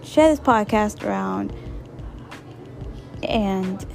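A woman with a gravelly, slightly hoarse voice, rambling informally as she gives casual advice as a solo podcast host, repeating phrases for emphasis. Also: medium pitch, expressive, extremely slow, darkish tone, soft background music. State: hoarse, voice partly lost.

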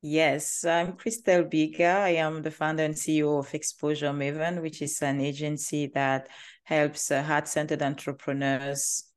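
A woman from Cameroon with a Cameroonian accent, a company founder talking about her life in an interview, earnest and quick to laugh lightly. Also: low-pitched, little pitch movement, clear, resonant tone. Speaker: guest, agency founder. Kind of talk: interview conversation.

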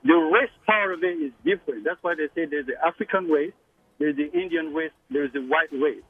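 A man's voice: on the high side, fairly quick, husky, no room sound. A man calling in to a radio show, explaining his point methodically. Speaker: caller. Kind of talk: call-in radio talk. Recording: tinny phone line.

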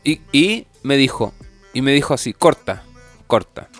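A man's voice: mid-range voice, expressive, normal speed, soft background music. A man, co-hosting a podcast, telling jokey stories in casual chat. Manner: storytelling, joking, imitates others. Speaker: podcast co-host.

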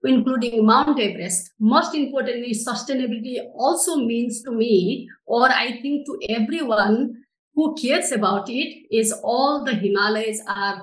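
A middle-aged Nepali woman who directs a social enterprise gives earnest explanations as an interview guest, speaking with a Nepali accent and non-native English phrasing. Her voice is on the high side, heard in an echoey room on a rough recording.

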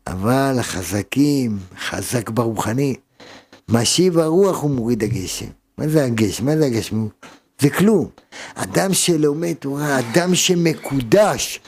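A man's voice: mid-range voice, darkish tone. A man, a rabbi, giving a sermon with emphatic delivery and many rhetorical questions.

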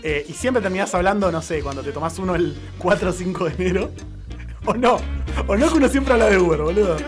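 Argentine man, Rioplatense accent, rapid delivery, joking rants, casual radio banter, soft music underneath. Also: high-pitched. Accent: Argentine Rioplatense Spanish. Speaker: radio show co-host. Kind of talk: casual live radio chat.

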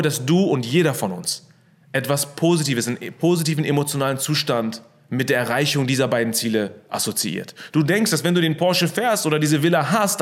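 A young man hosting a casual motivational talk from his apartment into a studio microphone, upbeat, with English phrases mixed into his speech. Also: medium pitch. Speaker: host.

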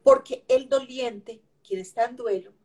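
A woman's voice: on the high side, measured pace, warm tone. A woman, a grief counselor, explaining in an interview and repeating phrases for emphasis.

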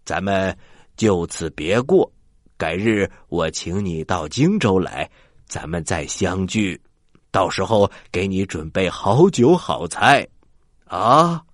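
A man's voice: deep voice, animated, slow, no room sound, studio quality, pitched below the performer's own voice, heavily acted. A man voicing a commanding ancient Chinese warrior general who can feign tipsy joviality, in a children's storybook telling. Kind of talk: children's storybook character acting.

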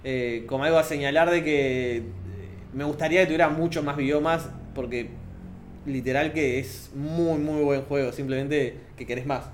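A young man chatting casually about video games, animated and quick to laugh, with frequent restarts. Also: a little high, slight background noise. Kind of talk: casual gaming chat.

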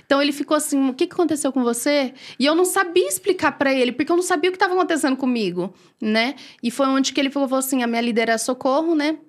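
A Brazilian woman telling a personal faith story as a podcast guest, animated and acting out quoted dialogue. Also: high voice, very fast, hardly any pauses. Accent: Brazilian Portuguese.

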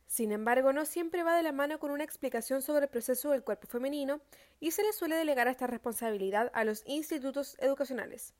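A woman giving measured, earnest scripted narration for a podcast. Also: high voice, darkish tone.

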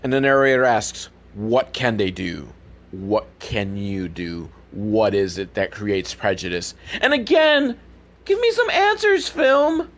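A podcast host delivers a casual, profane, sarcastic comedic recap of films, a loose rant of film commentary. His voice is on the low side, slow and a bit bright.

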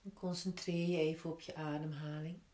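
Female yoga teacher, lowish voice, very slow and gentle guided instruction, roomy echo. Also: little pitch movement. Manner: gentle, unhurried step-by-step guiding with pauses. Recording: roomy, echoing indoor sound.

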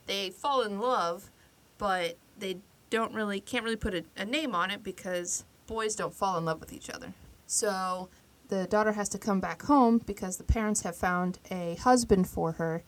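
A woman co-hosting a podcast, casually retelling a story with lively acted-out quotes. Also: medium pitch, normal speed, hardly any pauses. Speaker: podcast co-host.

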